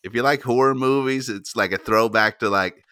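A man's voice: mid-range voice, normal speed, pushed and bright, clear, resonant tone, no echo. A man hosting a podcast, chatting casually in a laid-back, rambling way. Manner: laid-back, rambling with restarts, says dude. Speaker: podcast host.

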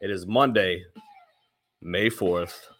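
A man's voice: low voice, slow pace, a bit bright, faint music behind. A man hosting a live podcast, hyping it up, swearing and repeating his phrases, while a chest cold keeps him coughing. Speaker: podcast host. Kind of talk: casual live podcast chat.

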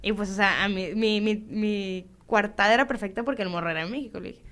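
A woman's voice: mid-range voice, fast. A young woman from Sinaloa, Mexico, with a Sinaloan Mexican Spanish accent, telling a story in casual, slangy chat and acting out the voices. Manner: animated, slangy, acts out voices in quotes.

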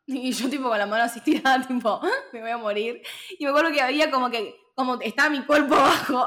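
A woman in her twenties with a Rioplatense Spanish accent, co-hosting a film podcast and telling stories in casual, slangy chat. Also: high voice. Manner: animated storytelling with laughter, slangy. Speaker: podcast co-host.

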